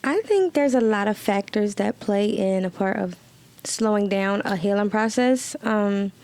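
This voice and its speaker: A woman's voice: mid-range voice, lively intonation, a little slow, a little mellow. A woman in her mid-twenties answers questions on a podcast in an ordinary mid-range voice. She speaks in a thoughtful, conversational way. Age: 20s. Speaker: podcast guest. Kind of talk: casual podcast chat.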